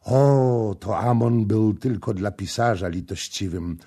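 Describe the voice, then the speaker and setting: A man voicing a coy, cunning young priestess in a storybook reading, soft and coaxing, with a husky, gravelly voice. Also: lowish voice, slow, heavily acted. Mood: coy pleading. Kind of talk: audiobook character reading.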